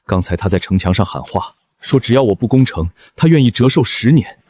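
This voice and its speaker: An actor playing a sentimental, lovesick commander, mournful and melodramatic, in an animated drama. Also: male voice, fairly low pitch, brisk, husky. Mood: lovesick sorrow. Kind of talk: dramatized animated-comic dubbing.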